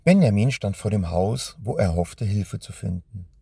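A man narrating a storybook in a measured way, at times speaking directly to young listeners. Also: on the low side, expressive, creaky, warm tone, husky, dry recording.

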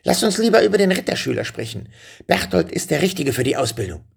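A man voicing a shrill, scheming old witch in a storybook reading, with a gravelly, scolding voice. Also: sing-song, fast, full character voice. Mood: dismissive.

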